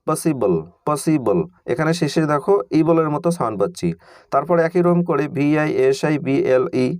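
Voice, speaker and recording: Speaking casually and directly to his pupils, this man teaches English reading online, first spelling each word letter by letter and then saying it aloud. His pitch sits on the high side, and the sound is dry and clean, like a studio.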